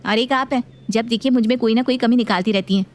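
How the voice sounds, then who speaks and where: A woman's voice: fairly high pitch, fast talker, close to an everyday voice. A woman voicing a touchy, defiant young daughter-in-law who argues back indignantly. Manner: indignant, argumentative.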